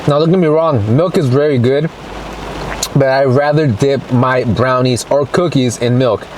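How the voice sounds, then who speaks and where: A man's voice: mid-range voice, unhurried, darkish tone, low-quality recording. A man giving a casual mukbang eating review to camera, talking to viewers as guys between bites and savoring hums. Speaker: food review vlogger. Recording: clear ambient background noise.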